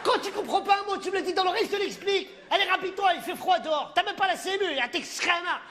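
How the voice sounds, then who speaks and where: An actor playing a streetwise theatre producer who talks in casual slang in a stage comedy sketch. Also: male voice, extremely high pitch, fast, bright, forceful tone. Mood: bossy. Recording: live stage with audience noise.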